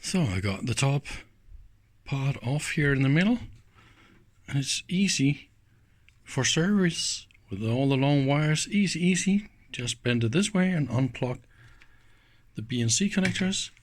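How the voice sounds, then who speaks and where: A video host tears down hardware while chatting informally, excitedly exclaiming and musing aloud. He has a mid-range, slightly husky voice that's expressive and a little slow.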